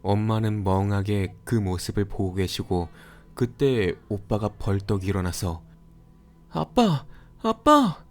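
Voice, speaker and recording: A man calmly narrating a scary story for a horror radio show. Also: fairly low pitch, unhurried. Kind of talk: scripted horror story reading.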